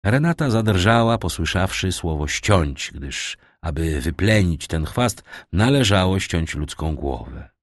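A man with a very low voice narrates a classic novel in an expressive audiobook reading. His intonation moves widely through each sentence. The studio sound is dry and close. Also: a little slow, few pauses, no room sound. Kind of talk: scripted narration.

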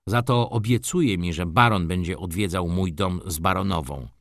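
A man's voice: low-pitched, normal speed, no echo, studio quality. A man voicing a calculating shop owner in an audiobook, matter-of-fact and cynical.

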